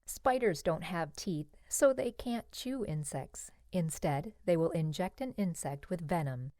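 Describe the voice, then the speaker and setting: With a warm, fairly low voice and a measured pace, a woman narrates an educational book for children. She's animated, keeping her read-aloud phrasing plain and clear. No room is audible, so the sound is very dry.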